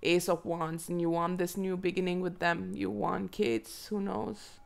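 Slow, froggy-voiced woman reading tarot. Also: fairly low pitch, little pitch movement. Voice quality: froggy, croaky throat. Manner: unhurried, musing, asking herself questions aloud. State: hoarse from a cough and cold. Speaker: tarot reader and channel host. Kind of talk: tarot reading, addressing viewers. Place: indoors at a table.

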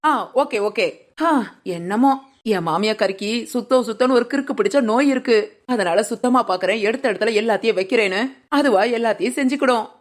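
A woman's voice: on the high side, a little fast, close to an everyday voice. A woman voicing a cheeky, lazy young village daughter-in-law in a cartoon, teasing and talking back. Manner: sly, teasing, talks back. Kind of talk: cartoon voice acting.

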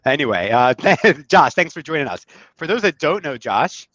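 A man's voice: on the high side, very animated, normal speed, fairly bright tone, no echo. A man hosting a casual live interview, upbeat and loose, with filler words. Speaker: host. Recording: dull lo-fi sound.

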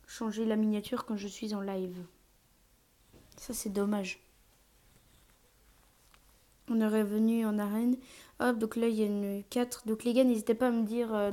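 Streamer woman, mellow tone, halting live game commentary on earphone mic, fillers and odd whispered asides. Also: mid-range voice. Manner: hesitant, many fillers, drops to whispers at times.

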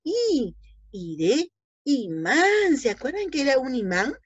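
A hoarse woman teaching young children in an online lesson, drawing out her words slowly and playfully. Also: high voice, big pitch swings, no echo. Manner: slow, sing-song, drawn-out words for small children. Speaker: preschool teacher. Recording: dull, lo-fi home video audio.

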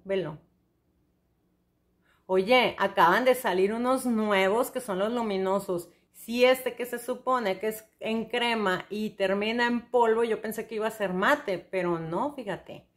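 Beauty vlogger, young woman, enthusiastic and chatty, slightly high voice. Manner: chatty and enthusiastic, addresses the viewer directly. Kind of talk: makeup review, casual chat to the viewer.

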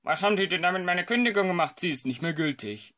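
A man's voice: expressive, fast, sharp tone. A man voicing every character in a homemade comedy film, playful and hesitant, jumping between voices. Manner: playful, jumps between voices with sudden pitch shifts; hesitant, many fillers. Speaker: amateur filmmaker voicing all characters.

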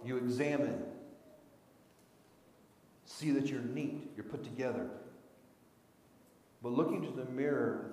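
A man's voice: mid-range voice, a little mellow. A middle-aged man preaching a sermon in a church sanctuary, conversational and asking the congregation questions. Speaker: pastor. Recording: echoey church room.

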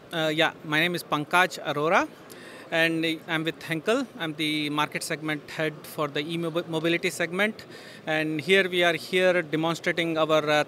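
Middle-aged guy at an expo booth, bright voice a bit high, lots of uhs, faint hall noise behind. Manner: hesitant, many fillers and restarts. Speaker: industry guest at a trade show. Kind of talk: trade show interview. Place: busy exhibition hall booth. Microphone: handheld interviewer mic.

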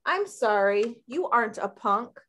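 A woman's voice: on the high side, lively intonation, measured pace, a bit bright. A woman voicing a jealous male snowman from a children's comic, speaking in her own light, plain voice. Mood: sulky. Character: jealous male snowman, sulky then calm.

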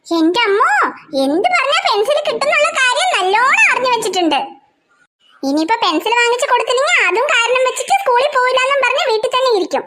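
A woman's voice: very high-pitched, lively intonation, fast. A woman voicing a harried cartoon mother who scolds her children and complains to her husband. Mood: exasperated. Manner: scolding, exasperated, chatty asides to viewers. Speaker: channel host. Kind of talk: cartoon voice acting. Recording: loud background noise.

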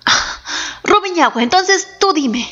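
A woman's voice: very high-pitched, animated, unhurried, voice pushed up, full character voice. A woman voicing a stern Inca emperor. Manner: solemn, authoritative. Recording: slightly dull, soft background music.

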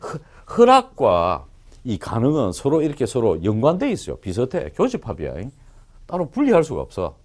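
A man teaching English to a class of students, joking and firing quick questions at them. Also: mid-range voice. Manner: animated and joking, quizzes the class. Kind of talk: lively classroom lecture.

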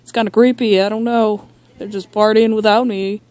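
A girl voicing a boastful, deadpan dad toy who hosts a chaotic talk show in an amateur toy skit. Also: mid-range voice, no echo, natural voice. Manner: slow, boastful, deadpan rambling. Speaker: talk show host figure.

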